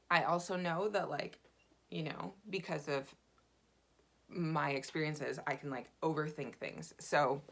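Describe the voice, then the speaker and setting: A woman vlogger telling a dating story in a chatty, animated way, full of fillers. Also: lowish voice. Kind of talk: casual dating storytelling to camera.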